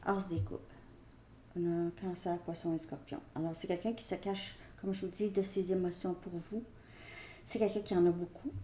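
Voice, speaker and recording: A woman with a Québécois French accent giving a tarot reading, talking slowly and hesitantly with many fillers and restarts. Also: on the low side, steady tone, warm tone, a little hiss or hum. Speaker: tarot reader.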